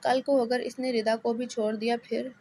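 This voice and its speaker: A woman voicing a serious, terse young husband and brother, read in an even tone. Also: fairly high pitch, slight background noise, close to an everyday voice.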